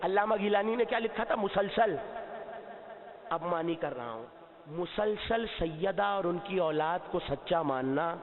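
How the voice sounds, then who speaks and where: High-voiced man preaching in a reverberant hall. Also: lively intonation, a crowd in the background. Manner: impassioned, rising to shouts at key points; asks the audience questions and answers himself. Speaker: Shia cleric giving a majlis sermon. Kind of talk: sermon. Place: mosque or hall before a seated gathering. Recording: long reverb, tinny phone-like sound.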